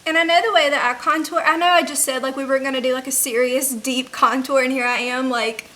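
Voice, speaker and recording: High, bright-voiced young woman vlogger. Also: steady tone, quick pace. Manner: informal, frequent "like" as filler. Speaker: beauty vlogger. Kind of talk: casual chatty makeup tutorial. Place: indoors, rain audible outside.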